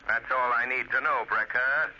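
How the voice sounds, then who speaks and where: An actor playing an invisible, all-knowing crime-fighting avenger in old radio drama style, menacing and taunting, with slow theatrical delivery. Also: male voice, mid-range voice, fairly even intonation, natural voice. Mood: probing, triumphant. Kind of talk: 1930s-40s radio drama acting. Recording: noisy, dull old radio recording.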